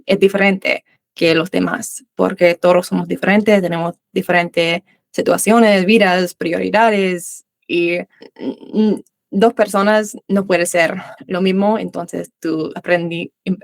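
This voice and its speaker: A woman's voice: fairly low pitch, vocal fry, no room sound. A young Australian woman, a native English speaker, answering interview questions in learner Spanish with many restarts and fillers. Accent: Australian English speaker in Spanish, Uruguayan voseo. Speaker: guest, English teacher. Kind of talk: casual interview chat.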